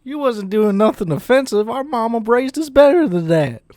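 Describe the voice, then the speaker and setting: A man's voice: very high-pitched, expressive, moderate pace, crowd noise. A man voicing a simple, folksy grown brother with a drawling rural dialect and fretting exclamations, in a tabletop game. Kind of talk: tabletop role-play voice.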